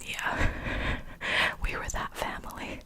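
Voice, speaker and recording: ASMR whisperer, cupped-hand delivery, fully unvoiced and breathy, unhurried, secretive, with soft repeated phrases. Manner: slow, softly repeats words and phrases. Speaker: ASMR video maker.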